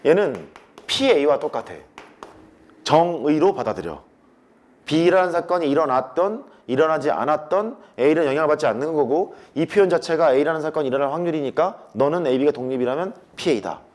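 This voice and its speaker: Guy teaching math class, kinda high voice, pitch jumps all over, repeats stuff to drill it in. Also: lively intonation, moderate pace, darkish tone. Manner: casual banmal to students, emphatic repetition.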